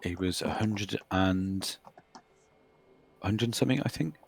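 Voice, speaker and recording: A Blood Bowl player recaps his tabletop game matches in a casual chat over a game replay. His low voice is slow with vocal fry, and there's slight background noise. He speaks hesitantly, restarting sentences and trailing off.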